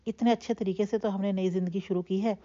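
A woman voicing a confident young husband who speaks calmly and mockingly, in a dull lo-fi recording. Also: mid-range voice, lightly acted. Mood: cold calm. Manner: calm, assured, mocking. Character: confident teasing young husband, cool and unyielding. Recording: dull lo-fi audio.

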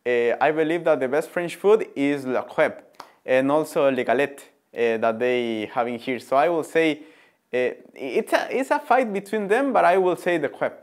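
A man's voice: on the high side, animated, moderate pace. A man in his twenties from Ecuador with a Spanish accent, answering interview questions thoughtfully with many fillers, seated in a studio. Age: 20s. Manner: thoughtful, hesitant with frequent fillers. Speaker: interviewed student. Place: indoor studio before a printed backdrop.

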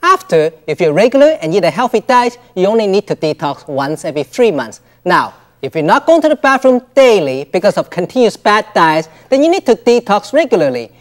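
Middle-aged male doctor-presenter, high voice for a man, lively intonation, explanatory infomercial pitch. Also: a little fast, few pauses. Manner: explanatory, urging. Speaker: doctor presenting his own product. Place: TV studio and kitchen set.

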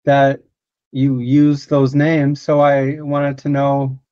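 A man's voice: medium pitch, completely flat delivery, takes it slowly, darkish tone, lo-fi sound. A man from Hungary hosting an interview over a video call, asking brief questions. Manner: brief, asks plain questions. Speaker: interview host. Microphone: video call webcam.

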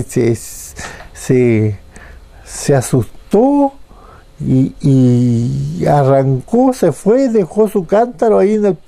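A man preaching a radio sermon, telling a Bible story slowly and haltingly. His voice is very dark, with a gravelly fry, sitting a little above the usual pitch. He keeps repeating words as he feels his way forward. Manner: halting, repeats words, acts out the quoted speakers in a higher voice. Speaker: pastor.

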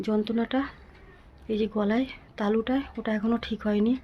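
A woman vlogging from home to her viewers, talking in a weary, pleading, soft way with a sore throat. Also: a little high, fairly even intonation, moderate pace, muffled recording, slight background noise. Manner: weary, pleading, speaks softly. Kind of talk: casual vlog talk to viewers.

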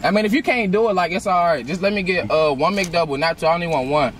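A man's voice: high-pitched, fast, a bit bright. A young adult man chatting casually and rambling in slang as a prankster customer at a drive-through, recorded inside a car. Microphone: handheld camera in the car. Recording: noisy car interior.

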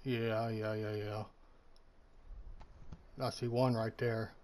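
A man's voice: lowish voice, little pitch movement, slow, darkish tone. A man chatting casually while playing a video game, with a profane, grumbling manner. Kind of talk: casual gaming chat.

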